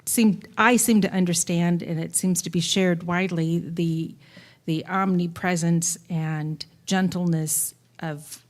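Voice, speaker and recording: A woman congregant sharing thoughtfully, pausing and searching for her words. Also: on the low side, fairly even intonation.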